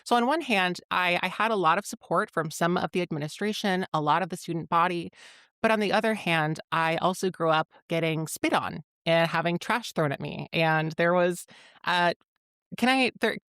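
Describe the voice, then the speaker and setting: A young woman from Rhode Island speaks candidly as a podcast guest, often breaking into a laugh as she tells her story. Her voice is smooth and clear, recorded close on a dry microphone. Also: fairly low pitch, normal speed, fairly bright tone, dry recording. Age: 20s. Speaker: guest, founder of a platform. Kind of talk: podcast interview.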